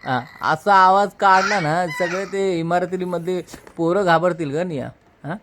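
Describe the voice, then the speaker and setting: A man in his thirties, a father and vlog host, gently and playfully questioning his small daughter in a casual home video. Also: high-pitched, unhurried, background noise.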